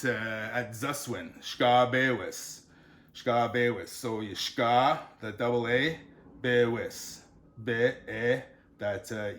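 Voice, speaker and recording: A male author giving a relaxed, unscripted pronunciation lesson, sounding out words syllable by syllable between frequent fillers. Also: medium pitch.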